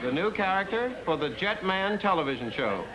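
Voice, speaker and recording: An actor playing an excitable young husband and comic-book artist in a 1960s sitcom, talking fast and anxiously. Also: male voice, high voice, a crowd in the background. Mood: excited. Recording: noisy TV audio, loud studio audience.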